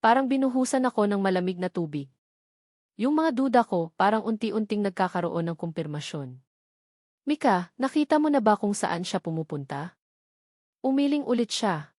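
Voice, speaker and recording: Woman narrator, close dry mic, measured emotional read of a first-person love story. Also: mid-range voice, expressive, a little mellow, no room sound. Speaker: audiobook narrator.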